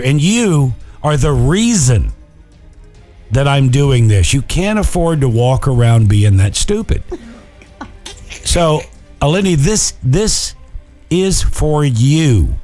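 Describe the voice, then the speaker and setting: A man's voice: mid-range voice, darkish tone. A man co-hosting a podcast in casual chat, playful and teasing as he runs a music-year quiz. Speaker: podcast co-host.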